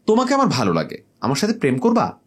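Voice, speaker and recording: A man's voice: fairly high pitch, wildly swooping pitch, quick pace, breathy edge, full character voice. Cooing sweet young woman, a man puts her on. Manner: cooing, coaxing. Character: sweet-talking young woman, doting girlfriend.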